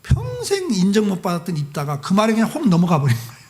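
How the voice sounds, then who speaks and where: A man preaching a sermon as a guest pastor, telling the story in a lively way, acting out dialogue and adding humorous asides. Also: high voice, quick pace. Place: church service.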